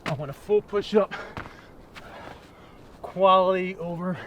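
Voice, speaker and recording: A man's voice: sits high, steady tone, slow pace, background noise. A man working out as an aerobics instructor, energetically calling out counts and short motivating commands while exerting himself outdoors. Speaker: fitness instructor. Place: outdoors in a national park.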